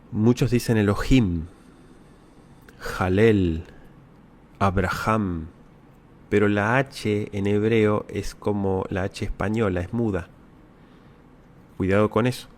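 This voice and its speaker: A man's voice: on the low side, darkish tone. A man from Latin America teaching about the Bible as he answers viewer questions, explaining step by step and checking in with short rhetorical tags. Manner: didactic, repeats key words with frequent rhetorical tags.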